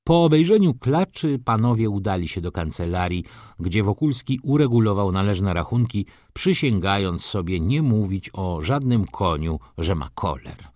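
A man narrating a classic novel in an expressive, theatrical reading style. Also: on the low side, moderate pace, dry recording, clean studio sound. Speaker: audiobook narrator.

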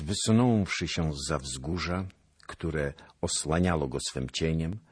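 Deep, husky male audiobook narrator. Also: no echo. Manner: expressive, theatrical reading.

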